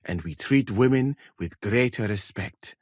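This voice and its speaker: An actor playing a learned, proud Malian court physician in a medieval video game, speaking in a formal, courteous, dignified way. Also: male voice, lowish voice, animated, unhurried, no room sound, studio quality. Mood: grave, measured. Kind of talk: video game character dialogue.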